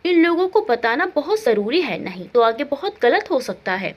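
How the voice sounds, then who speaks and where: A sensible elderly father-in-law in a family storybook, played by a woman narrator, calm and advising as he lays down house rules. The voice sits lower than her own, yet stays high and lively for a man. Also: normal speed, lo-fi sound.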